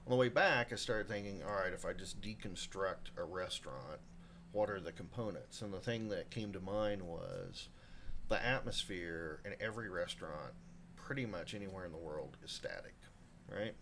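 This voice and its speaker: This chef in his fifties has a voice that sits low and a moderate pace, with a slight hiss or hum behind him. Guesting on a podcast in a live room, he tells a meandering, self-interrupting story and acts out what others said.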